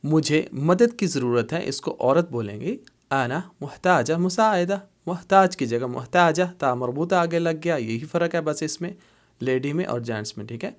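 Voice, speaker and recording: A man teaching spoken Arabic phrases, explaining them in Urdu and repeating each phrase several times at a patient pace. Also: on the high side. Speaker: language teacher.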